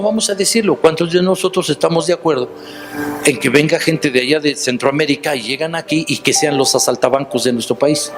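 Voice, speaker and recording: Mexican man preaching over music. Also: on the high side. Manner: storytelling, addressing listeners directly with rhetorical questions. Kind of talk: sermon.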